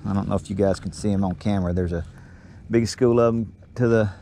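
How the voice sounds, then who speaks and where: A middle-aged fishing vlogger keeps up a brisk, casual, folksy chat as he fishes, his voice sitting lowish. He is outdoors on a small boat on calm water, recorded by a body-worn action camera that adds steady noise.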